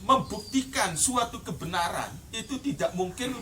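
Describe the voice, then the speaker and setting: Recorded from a distance with slight background noise, a man with a Javanese accent teaches from a classical Islamic text in a high, animated, pushed and bright voice at a moderate pace. He reads the Arabic, glosses it word by word in Javanese, then explains it in Indonesian, in the style of a traditional pesantren kitab recitation.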